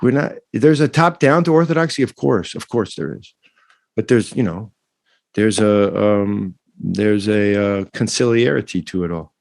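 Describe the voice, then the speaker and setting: A man guesting on a podcast, talking in an animated, rambling way and often turning to address the host. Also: fairly low pitch, moderate pace, vocal fry, dry recording, clean studio sound. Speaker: guest, non-profit founder and educator. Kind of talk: casual podcast conversation.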